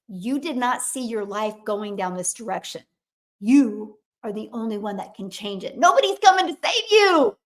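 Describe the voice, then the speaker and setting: A woman gives an emphatic motivational talk, repeating lines for effect and acting out her own past thoughts. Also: fairly high pitch. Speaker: motivational speaker.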